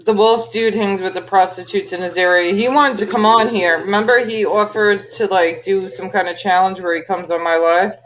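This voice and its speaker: A woman chatting casually on her live stream, talking in a relaxed, rambling way. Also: medium pitch, normal speed, hardly any pauses. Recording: noisy call audio.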